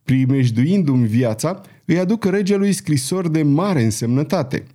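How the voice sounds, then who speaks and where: A man's voice: fairly high pitch, lively intonation, dark tone, voice pushed up. A man reading aloud, voicing a fanatical monk who speaks in a firm, intense voice. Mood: firm, urgent. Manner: firm, then hoarse and thunderous.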